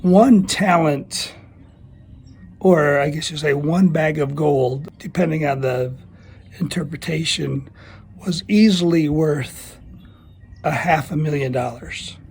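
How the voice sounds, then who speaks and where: Man with thin, squeaky, husky voice. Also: takes it slowly, a little mellow. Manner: folksy, plain-spoken, self-deprecating. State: squeaky, strained voice from a bug. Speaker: church small-group leader giving a video teaching. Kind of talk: casual devotional talk.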